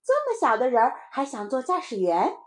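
Lady playing a squeaky little kid, eager and teasing, storybook bedtime tale. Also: brisk. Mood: excited. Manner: high excited child voice, teasing. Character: doubting little boy, the friend.

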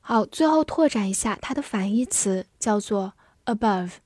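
A woman teaching English vocabulary in a clear, patient way, spelling words out and reading example sentences slowly. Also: medium pitch, lively intonation, darkish tone, no echo, studio quality. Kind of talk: vocabulary lesson.

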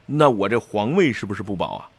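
A man's voice: fairly low pitch, big pitch swings, a little fast, darkish tone, slightly rough, dry recording, voice pushed down, full character voice. A man playing an anxious, suspicious emperor who frets and coaxes. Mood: fretful. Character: anxious suspicious male emperor, middle-aged.

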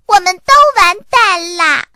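A bratty little sister, played by a woman reading the story, high and bright, swinging wildly up and down as she piles on exaggerated doom. Her whining is breathless and over the top, recorded close and dry. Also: wildly swooping pitch, a little slow, no echo, exaggerated voice. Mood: dramatic.

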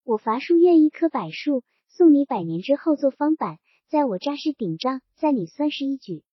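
A woman reading the lines of a gentle, wry old male scholar in a mild, teasing tone. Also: high voice, big pitch swings, moderate pace, no echo. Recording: dull, dry audiobook recording.

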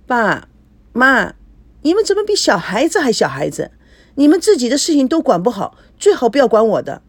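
A woman's voice: fairly high pitch, big pitch swings, moderate pace, husky, no room sound, pitched above the performer's own voice, heavily acted. A woman voicing an impatient grown daughter in a novel reading, exasperated and scolding.

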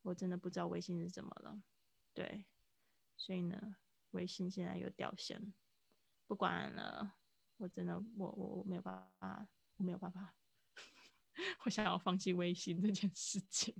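Woman, English teacher, live online class, patient explaining, gravelly voice, dry sound. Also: fairly low pitch, little pitch movement, normal speed, pauses often, no room sound. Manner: patient explaining, mixing English phrases into Mandarin.

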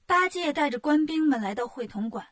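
A woman telling a children's story in a lively way, with a husky voice. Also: high voice, a little fast. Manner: lively, acts out the characters.

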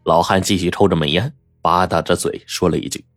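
A man's voice: low voice, fairly even intonation, brisk, fairly bright tone, no echo, faint music behind. A man narrating a first-person story, wry and colloquial, cracking jokes at his own expense.

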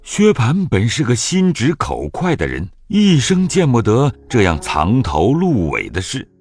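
A man narrating a classic story in an audio drama with a lively storytelling manner. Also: medium pitch, unhurried.

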